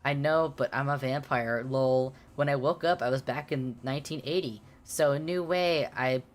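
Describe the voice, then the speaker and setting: A woman reading as a brooding goth vampire boy, flat and mock-dramatic. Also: extremely low pitch, moderate pace. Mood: deadpan.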